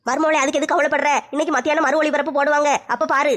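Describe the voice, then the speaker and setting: A woman's voice: high-pitched, flat delivery, fairly bright tone. A woman playing a blunt, bickering mother-in-law in a comic skit. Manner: rapid, blunt, scolding.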